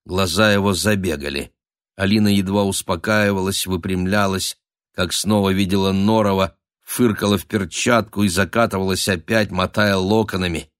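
A man narrating a mystical period thriller as an expressive audiobook reader. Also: low-pitched, normal speed, no room sound, clean studio sound. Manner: expressive, dramatic storytelling.

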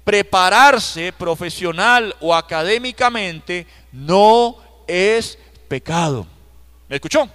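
A man's voice: sits high, bright, forceful tone. A man with a Costa Rican accent, a pastor giving a live Bible study in church, emphatic, repeating key phrases and asking the congregation direct questions. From Costa Rica.

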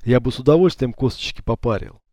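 A man's voice: medium pitch, quick pace, mellow, dry recording, studio quality, lightly acted. A man voicing a coarse, greedy male thug in an audiobook, grumbling as he talks. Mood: content. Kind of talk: audiobook character voice.

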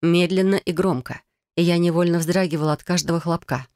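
Low-voiced woman narrating an audiobook. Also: fairly even intonation, a little fast, a little mellow, no echo, clean studio sound. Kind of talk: first-person audiobook narration.

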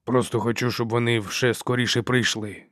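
A man's voice: mid-range voice, steady tone, normal speed, fairly bright tone, dry recording, clean studio sound, lightly acted. A man reading an audiobook, voicing a wary, weary male warrior who talks in a careful, placating way. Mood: uneasy.

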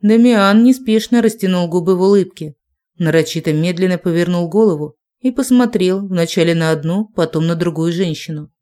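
Woman narrating a first person audiobook, lowish warm voice, tense and even. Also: moderate pace.

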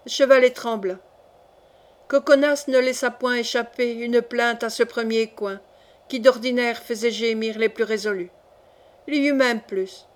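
Lady reading an old novel aloud, expressive, kinda high voice. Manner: measured, expressive storytelling. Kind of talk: audiobook narration of a classic novel.

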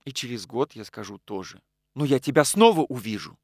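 A man voicing a grieving young woman in an audiobook, speaking in a quiet, restrained way. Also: mid-range voice, animated, fairly quick, slightly rough, no echo, clean studio sound. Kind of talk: audiobook character reading.

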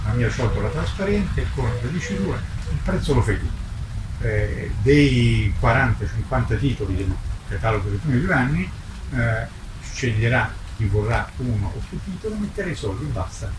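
A book publisher over sixty, with a mid-range voice, speaks at a book presentation in front of an audience. His delivery is impassioned, emphatic and declamatory, at times halting and repeating itself. The mic is distant and roomy, catching clear background noise.

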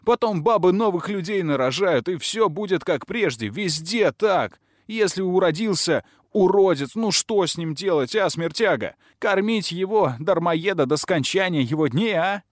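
A man voicing a sullen, hot-tempered young man who shouts back indignantly. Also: high voice, lively intonation, moderate pace, hardly any pauses, dry recording, studio quality, voice pushed up.

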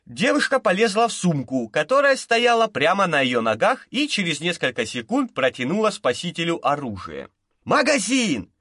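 Lively male audiobook narrator. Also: fairly high pitch, moderate pace, hardly any pauses, no echo, studio quality. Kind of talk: audiobook narration of a crime novel.

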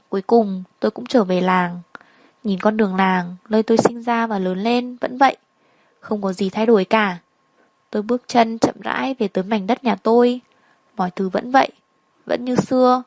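A woman's voice: on the high side, darkish tone, dry recording. A woman telling a melancholy first-person story in a reflective narrating style.

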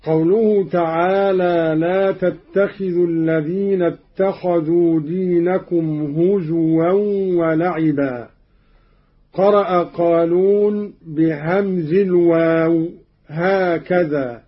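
Slow, high-voiced man teaching recitation. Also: steady tone. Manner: measured, explanatory, recites each example. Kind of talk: radio lesson on recitation variants. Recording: dull lo-fi archival radio recording.

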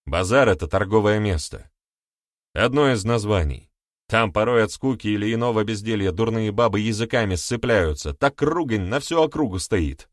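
A man's voice: on the low side, lively intonation, normal speed, dry recording, studio quality, natural voice. A man voicing a stern, scolding village smith in an audiobook, lecturing in a mock-solemn way. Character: gruff commanding male village smith. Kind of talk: audiobook character voice.

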